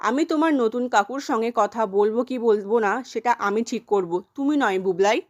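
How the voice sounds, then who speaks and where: A woman's voice: a little high, fairly quick, muffled recording, natural voice. A woman voicing a firm, defiant middle-aged mother in a retold soap-opera scene.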